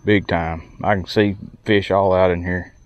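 A man's voice: deep voice, little pitch movement, a little slow, soft background music. A man chatting casually to viewers while bank fishing at a pond, folksy and talkative. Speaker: fishing vlogger. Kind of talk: casual outdoor commentary.

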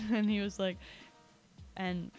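A woman's voice: medium pitch, steady tone, slow pace. A woman from Canada chatting casually while streaming a video game, rambling and laughing often. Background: video game music.

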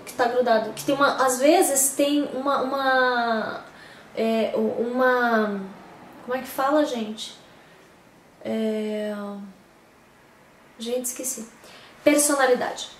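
A woman's voice: a little high, darkish tone. A woman giving a casual, rambling product review, full of fillers and restarts, recorded at home on a camera mic. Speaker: beauty vlogger. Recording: roomy echo, distant camera mic, faint background hiss. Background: faint street noise.

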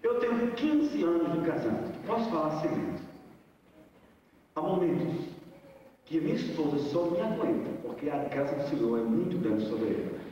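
A man's voice: on the high side, lively intonation, moderate pace, mellow, slight background noise. A male pastor preaching a sermon, speaking emphatically and putting rhetorical questions to the congregation. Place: large hall. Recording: echoey hall, voice from far off, dull sound.

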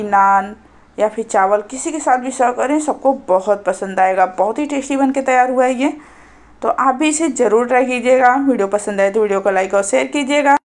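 A woman narrates a home recipe in a calm, instructive voice. She explains each step plainly as she cooks. Her voice sits a little higher than most women's. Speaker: cooking channel host.

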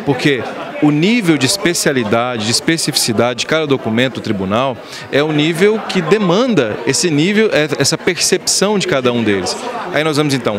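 A man in his forties with a Brazilian Portuguese accent, a professor explaining with rhetorical questions in a press interview. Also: fairly high pitch. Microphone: handheld reporter mic. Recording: crowd chatter behind.

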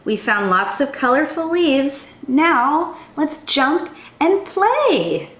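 Reading a picture book aloud to small children, a young woman speaks slowly in a high voice that swoops widely up and down. Like a storytime teacher, she addresses the kids directly in an expressive, sing-song way. The indoor room gives her voice a noticeable, roomy echo.

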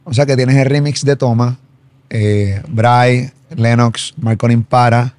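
A Puerto Rican man hosts a relaxed interview, tossing in quick replies and loosely phrased questions in a mid-range voice. His voice sits dry and close on the mic. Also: mid-range voice, dry recording. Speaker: show host. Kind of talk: casual interview talk.

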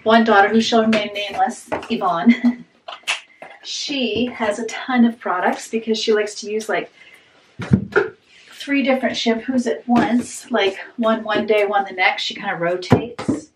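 Chatty middle-aged mom vlogging at home. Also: female voice, medium pitch, steady tone, measured pace, background noise. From Maine, USA. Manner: upbeat, rambling, talks while cleaning. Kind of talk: casual chatty vlog. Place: bedroom, then small bathroom.

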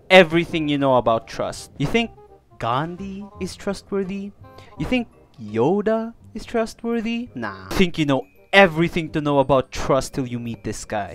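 A young man commentating a horror game he is playing, loud, joking and often swearing as he yells at enemies. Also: on the high side, expressive, measured pace, faint music behind. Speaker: gaming commentator. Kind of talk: let's play commentary.

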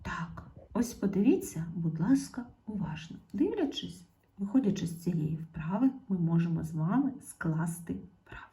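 A woman teaching an online lesson to young schoolchildren. She says example words slowly and clearly and talks straight to the children. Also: lowish voice, big pitch swings, warm tone.

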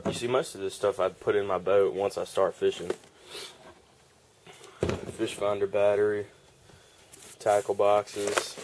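On an outdoor wooden porch, a young man shows off his fishing gear in a rambling, laid-back vlog shot on a handheld camera. His voice is lowish, with background noise in the audio.

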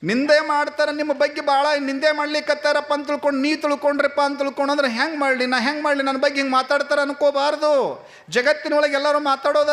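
A male preacher with a North Karnataka Kannada accent, telling a moral story in a sermon, dramatic and swinging between hushed and loud. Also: extremely high pitch. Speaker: spiritual preacher.

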